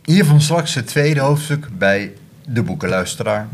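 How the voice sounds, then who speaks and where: A male radio presenter announcing the next items in a calm manner. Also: medium pitch, measured pace.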